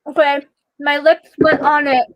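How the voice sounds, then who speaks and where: A woman's voice: high voice, flat delivery, measured pace, lo-fi sound. A young woman hosting a casual livestream chat, chatty and laughing often. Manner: giggly, chatty, frequent laughter. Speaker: host.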